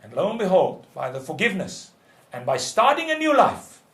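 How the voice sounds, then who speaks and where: A man's voice: high voice, wildly swooping pitch, normal speed, a bit bright, echoey room. A middle-aged man giving an earnest, pleading talk to fathers, repeating his points for emphasis. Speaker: speaker teaching fathers. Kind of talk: preaching talk.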